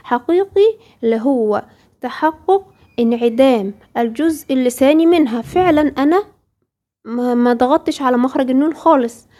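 A woman's voice: high-pitched, expressive, moderate pace, warm tone. A woman with an Egyptian Arabic accent teaching tajweed, explaining patiently and asking her female student rhetorical questions. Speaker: Quran recitation teacher. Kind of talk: tajweed lesson.

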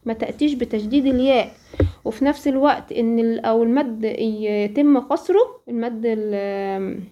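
A woman with an Egyptian accent teaching a Quran recitation lesson, asking questions and then answering them, and slowly reciting the examples. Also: on the high side, lo-fi sound, slight background noise. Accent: Egyptian Arabic. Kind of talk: tajweed lesson.

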